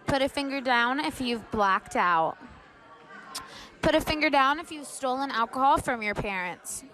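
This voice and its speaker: A woman reading out challenge prompts in a quick, upbeat way. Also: high voice, lively intonation, pushed and bright.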